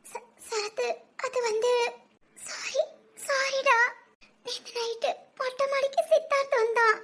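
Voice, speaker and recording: Cartoon voice: woman playing a weepy, hesitant teen girl, very high-pitched and squeaky. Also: normal speed, pushed and bright. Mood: tearful, anxious. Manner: tearful, hesitant, stammering. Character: anxious teenage girl, confused by love. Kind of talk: cartoon voice acting.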